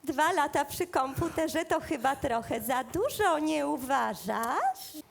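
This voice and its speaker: A woman playing a grumpy old granny with a drawn-out, colloquial way of talking in a comic children's play. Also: high-pitched, big pitch swings, vocal fry, exaggerated voice. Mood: exasperated. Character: grumpy, slangy old granny, internet and TV obsessed.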